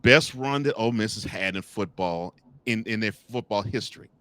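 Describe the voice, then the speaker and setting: Male sports podcast host, teasing and animated, dry close recording. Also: fairly low pitch, normal speed, no echo. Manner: animated and teasing, many restarts, laughs often. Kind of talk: sports talk commentary.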